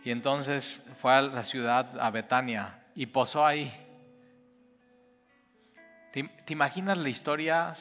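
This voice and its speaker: Man preaching, bright forceful voice, long hall reverb over soft guitar. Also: medium pitch. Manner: impassioned, swings from loud to hushed. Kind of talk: sermon.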